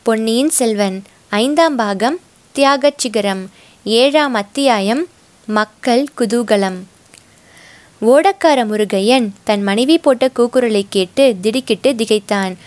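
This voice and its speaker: A woman's voice: on the high side, slow pace, no room sound. Woman narrating a historical novel. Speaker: audiobook narrator. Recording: dry close recording.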